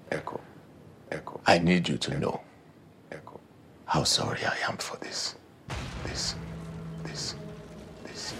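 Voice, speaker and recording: A man voicing an eerie, remorseful echo figure whose very deep, gravelly, half-whispered words repeat and fade through a digital echo effect. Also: background noise. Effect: digital echo repeating and fading each word.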